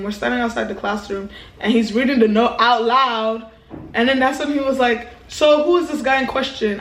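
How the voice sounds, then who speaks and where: A young woman from a Nigerian family telling a storytime vlog in a lively, animated way, acting out quotes with exclamations. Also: a little high. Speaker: vlogger. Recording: roomy echo.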